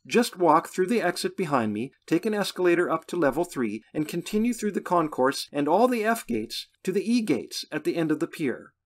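A man voicing a polite, helpful female airport agent with a brisk customer-service manner. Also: fairly high pitch, big pitch swings, pitched above the performer's own voice.

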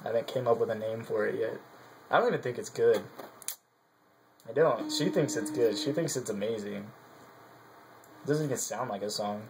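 A man's voice: fairly low pitch, normal speed, pauses often. A young man chatting playfully with his girlfriend in his bedroom, joking and laughing as he talks. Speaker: boyfriend playing guitar. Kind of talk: casual joking chat. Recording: noisy home video.

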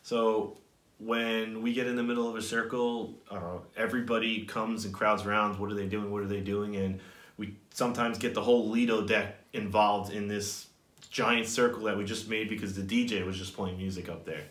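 A man's voice: lowish voice, flat delivery, normal speed, a bit bright. A young man co-hosting a vlog, talking animatedly to camera with playful banter, seated in a small room. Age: young adult. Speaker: vlog co-host. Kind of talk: casual chat to camera. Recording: echoey room.

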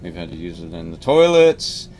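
A man's voice: low-pitched, very animated, moderate pace, a little mellow, soft background music. Easygoing middle-aged man in a boat cabin. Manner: easygoing, rambling, self-amused. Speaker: boat captain and channel host. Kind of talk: casual product rundown. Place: inside a boat cabin with big windows.

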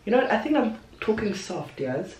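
With a medium-pitched voice, big pitch swings, a moderate pace, and a slightly mellow quality, a young beauty vlogger chats casually through a makeup tutorial at her bedroom vanity. She's playful and talkative, tossing out asides while applying makeup. A camera a little away on the desk gives a distant mic sound, roomy echo, and a voice a bit off-mic.

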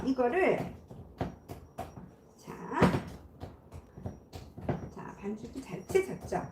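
Chatty female home-cooking host, high lively voice, echoey kitchen, mic set back. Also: very noisy. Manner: chatty, keeps checking viewers can see. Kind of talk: cooking demonstration. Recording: echoey room, distant mic.

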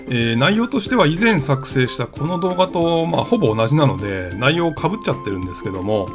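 Lively, chatty male travel vlogger. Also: mid-range voice. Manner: chatty, conversational with frequent fillers. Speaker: travel vlog host. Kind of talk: casual explanatory vlog talk.

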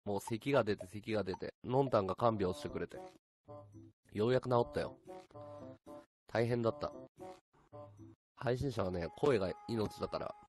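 A man from Chiba chatting casually on his live stream, answering viewer comments in a relaxed, chatty way. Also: lowish voice, normal speed, long pauses, soft background music. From Chiba, Japan. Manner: relaxed, chatty, talks back to chat comments.

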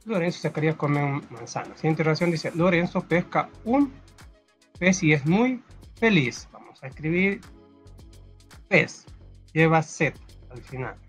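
A man, reading a story and then teaching a first-grade reading lesson, patiently repeating words slowly for young children. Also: on the high side, lively intonation, soft background music. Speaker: primary school teacher.

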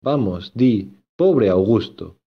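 A man playing an earnest, lovesick young gentleman in a storybook, insistent and given to repeating himself. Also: fairly low pitch, expressive, takes it slowly, slightly rough, muffled recording, full character voice.

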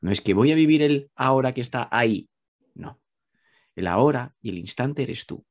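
A man with a Spain Spanish accent, a guest talking calmly about spiritual ideas, repeating phrases and asking rhetorical questions. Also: medium pitch, moderate pace. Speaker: guest speaker. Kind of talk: reflective spiritual talk.

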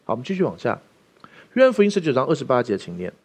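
A man's voice: mid-range voice, very animated, racing, breathy edge. A man preaching a sermon as pastor, emphatic and often asking the listeners questions.

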